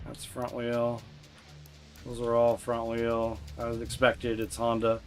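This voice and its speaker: Male streamer, relaxed and slow, narrates his menu choices, light music under. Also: medium pitch. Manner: easygoing, thinks aloud while picking menus. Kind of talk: casual gameplay livestream chat. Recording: faint music behind the voice.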